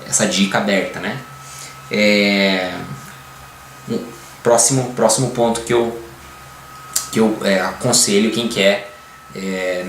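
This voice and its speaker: A man from Brazil talks through a casual lesson with a lowish voice, pausing often and tacking tag questions onto his phrases. The room is echoey, with a faint hum of ambient noise behind him. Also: fairly bright tone. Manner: hesitant, many fillers and tag questions. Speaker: language teacher.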